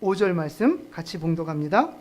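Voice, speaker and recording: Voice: mid-range voice, sing-song, fairly quick, a little mellow. A pastor preaching a sermon at a church service in a conversational, joking way, often laughing and putting questions to the congregation.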